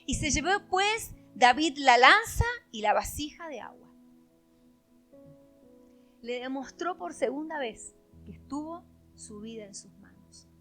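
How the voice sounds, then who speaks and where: A woman pastor with an Argentine accent preaching a sermon, swinging dramatically between loud declarations and hushed lines. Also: sits high, lively intonation, unhurried, soft background music. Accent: Argentine Spanish.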